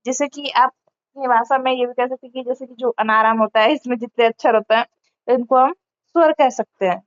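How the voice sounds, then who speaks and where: Female tutor, higher-pitched, patient step-by-step explainer, dull lo-fi sound. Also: fairly even intonation, brisk, dry recording. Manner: explains step by step with many fillers and self-corrections. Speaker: teacher. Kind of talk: online grammar lesson. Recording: muffled lo-fi audio.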